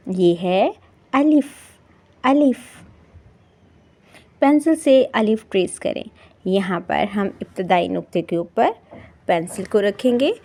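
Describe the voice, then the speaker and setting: Woman teacher, unhurried, drawing out each letter sound for small kids. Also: mid-range voice, mellow. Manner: slow, drawn-out sounding of letters and words. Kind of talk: children's lesson narration.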